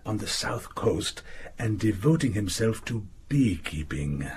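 An actor playing a charming former thief in a radio drama, effusive and hesitant, full of fillers. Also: male voice, on the low side, sing-song, a little slow, a little mellow, slightly rough, full character voice. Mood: confiding. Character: reformed French gentleman thief, charming and effusive.

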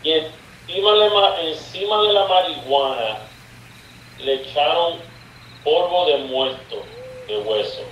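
A man's voice: fairly high pitch, slow pace, pauses often, a bit bright. A man speaking as a guest sorcerer in an interview, telling a story in casual speech, acting out its dialogue and dropping English words into his Spanish. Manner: acts out dialogue in his stories. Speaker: guest sorcerer sharing experiences. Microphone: remote call. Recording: echoey distant call line with faint noise.

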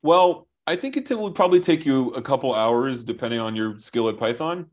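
Man explaining software over a video call. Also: mid-range voice, animated. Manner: brisk, thinks aloud with restarts. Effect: heard over a video call. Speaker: software company founder as guest. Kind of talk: explaining software while sharing screen.

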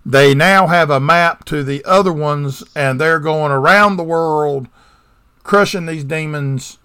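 A man's voice: on the high side, measured pace, sharp tone, clean tone, no room sound, studio quality. A man with a Southern American accent co-hosting a podcast, retelling a movie plot in casual chat with rambling digressions and sarcastic asides. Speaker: podcast co-host.

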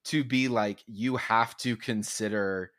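A man's voice: fairly low pitch, fairly even intonation, slow, fairly bright tone, no room sound, studio quality. A man co-hosting a comedy podcast, talking casually with lots of restarts and playful mock quotes of his own thoughts. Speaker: podcast co-host. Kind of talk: casual chat.

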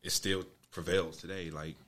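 A man with a very low voice. He speaks casually, as one of several people in a discussion. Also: little pitch movement, moderate pace, fairly bright tone. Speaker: panel discussion participant. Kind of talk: casual chat.

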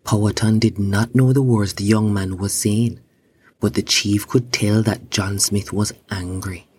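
A man narrating a children's story in a slow, even storybook reading. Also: on the low side, husky.

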